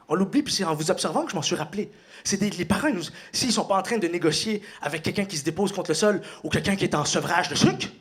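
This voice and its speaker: A young man with a Quebec French accent doing a stand-up routine in a comedy club, animated and breaking into shouted impressions. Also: noisy background. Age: young adult. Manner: animated, bursts into shouted high-pitched impressions. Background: audience laughter.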